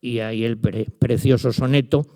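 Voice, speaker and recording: This literature professor is an older Spaniard presenting a book in a lecture, speaking straight to the audience and giving verse an emphatic reading. His medium-pitched voice sounds warm and steady, moving at a normal speed.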